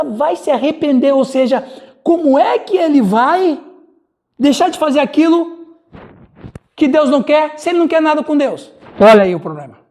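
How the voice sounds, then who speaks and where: A man's voice: very high voice, darkish tone. A male pastor with a Brazilian Portuguese accent, teaching a Bible study and calling on listeners by name.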